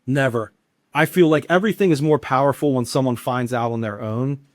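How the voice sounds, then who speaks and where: A man's voice: medium pitch, brisk, no room sound, clean studio sound. A man with a Southern American accent, a guest answering interview questions in a talkative way with frequent restarts. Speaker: guest, wellness expert.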